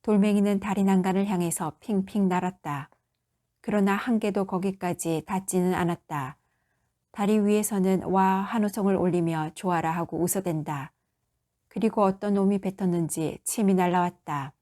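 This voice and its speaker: Calm woman reading a short story. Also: mid-range voice, moderate pace. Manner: gentle, even storytelling. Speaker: audiobook narrator. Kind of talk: calm literary audiobook reading.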